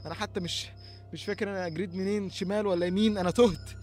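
A young man with an Egyptian Arabic accent playing a frightened man lost in dark fields in an audio horror drama. He stammers and restarts in panicky, breathless talk to himself. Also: high-pitched, steady tone, racing, natural voice. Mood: terrified. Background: faint music and chirping crickets.

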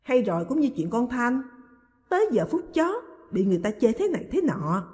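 A woman reading the part of a meddling older aunt who speaks loudly and indignantly, in a reverberant space. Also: on the high side, sing-song, moderate pace, voice pushed up. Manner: loud, indignant.

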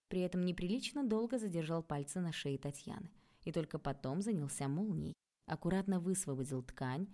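Woman, audiobook narration, calm, even, low-pitched, warm mellow tone. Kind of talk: scripted narration.

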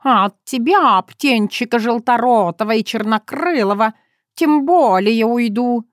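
A woman's voice: fairly high pitch, a little slow, no echo, studio quality, voice pushed up, close to an everyday voice. A woman reading a storybook, voicing a stubborn, theatrical male cat who protests indignantly. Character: Terentiy, stubborn dramatic tomcat, male.

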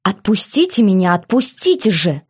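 A woman's voice: mid-range voice, very animated, moderate pace, slightly rough. A woman voicing a shy young bride who turns sharply indignant, with a raised, breathless voice. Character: shy, nervous young bride, feisty when cornered.

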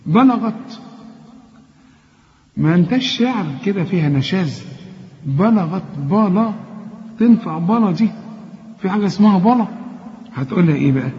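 A man with an Egyptian accent teaching Quran recitation one-on-one. He corrects his student, chides him mildly, and recites words slowly as models. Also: fairly high pitch. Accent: Egyptian Arabic. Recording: dull lo-fi recording with long reverb.

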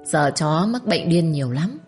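A woman's voice: low-pitched, animated, moderate pace, darkish tone, faint music behind. A woman doing a sly scolding concubine. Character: scheming sharp-tongued older concubine wife.

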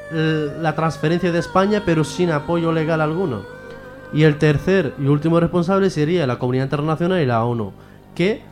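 A man from Western Sahara, a member of a Sahrawi association, appears as a radio interview guest to explain politics. His voice is a little high and a little mellow, and he often poses questions only to answer them himself.

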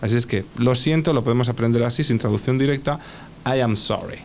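A man's voice: mid-range voice, a little fast, vocal fry, darkish tone, a little hiss or hum. Patient man teaching English on radio. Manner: patient, spells words letter by letter, frequent "ok?". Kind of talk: radio language lesson.

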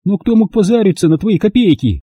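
A man's voice: high-pitched, animated, a little fast, dark tone, slightly rough, no room sound, voice pushed up. A man reading an audiobook, voicing a harsh, scornful middle-aged woman who scolds coarsely.

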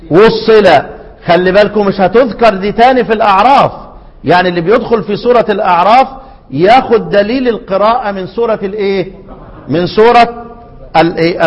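Middle-aged Egyptian sheikh, high voice, echoing hall; teaching tone, asks and answers his own questions. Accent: Egyptian Arabic. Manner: quizzes listeners with repeated rhetorical questions; chants quoted verses slowly. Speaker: Quran recitation teacher. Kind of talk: teaching lesson with call-and-response questions. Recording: hall reverb.

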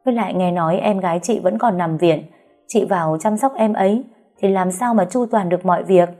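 A woman's voice: lowish voice, a little fast, dark tone, faint music behind. A woman voicing a young housemaid who talks in a coy, pleading whine. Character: young wheedling housemaid girl.

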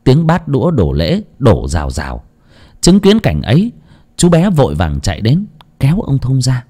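Male storyteller, mid pitch, very animated delivery, dramatic audiobook narration. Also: moderate pace.

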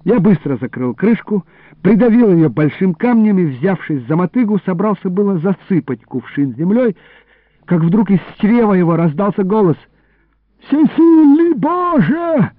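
A man reading a story aloud for radio in a lively, animated storytelling manner. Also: sits high, moderate pace, dry recording. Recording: tinny lo-fi radio recording, dry.

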